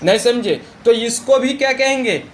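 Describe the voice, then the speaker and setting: A man teaching a religious grammar lesson. He talks slowly, repeats the key terms and keeps asking his students questions. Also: very high voice, lively intonation, slight background noise. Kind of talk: classroom lesson on Arabic grammar.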